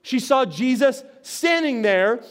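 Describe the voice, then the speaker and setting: High-voiced man preaching conversationally. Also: expressive, slow, a bit bright, smooth. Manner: conversational, repeats words when starting sentences. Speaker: pastor. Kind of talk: sermon.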